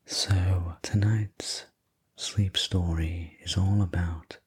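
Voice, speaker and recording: Male sleep story narrator for whispered role-play: courteous manor servant, very breathy, unhurried and soothing. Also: low voice, steady tone, a little mellow.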